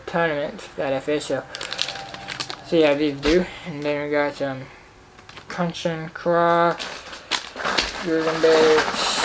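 A young man casually showing off fishing tackle he bought, talking in a halting, rambling way with lots of fillers, recorded at home in his living room. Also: fairly high pitch, background noise. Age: young adult. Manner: rambling, halting, repeats himself with many fillers. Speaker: fishing vlogger. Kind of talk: casual tackle haul show-and-tell.

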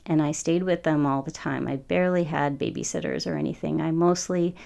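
A woman's voice: low-pitched, steady tone, a little fast, gravelly, warm tone. A woman in her forties chatting casually over her painting process, rambling with frequent ums. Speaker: watercolor artist.

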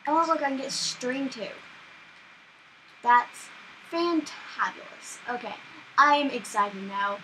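A high, bright-voiced young woman talks her way through a game. She chats in a loose, excitable way and yelps when something startles her. A faint hum sits under her voice. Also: slow, long pauses, rough recording. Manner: chatty, excitable, easily startled. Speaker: gaming channel host. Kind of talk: casual gameplay commentary.

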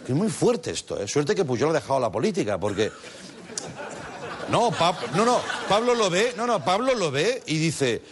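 Mocking man, lively pitch. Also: a faint crowd. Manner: mocking, playful, does quick voices. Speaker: comedy show host. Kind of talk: satirical stand-up commentary. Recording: live studio with audience noise. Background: audience laughter.

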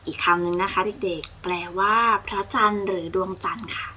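A woman teacher giving a recorded homework lesson to young children, patient and gentle, speaking to them directly. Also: mid-range voice, fairly even intonation, brisk, husky. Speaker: kindergarten teacher.

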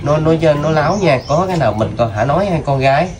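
A man interviewing a child, asking gentle, coaxing questions with many fillers. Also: fairly high pitch, animated, very fast. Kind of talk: casual street interview. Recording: outdoor video with noticeable background noise.

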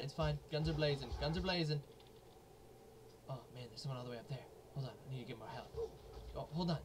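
Excitable man narrating a shooter game. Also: fairly high pitch. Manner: excitable, jokey, keeps repeating "hold on". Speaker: gaming YouTuber. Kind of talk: let's play commentary. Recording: noisy home recording.

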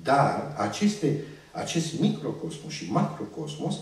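A man's voice: mid-range voice, sing-song. A man preaching a sermon, teaching by asking his congregation questions and answering them himself. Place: church hall. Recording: echoey church room, distant mic.

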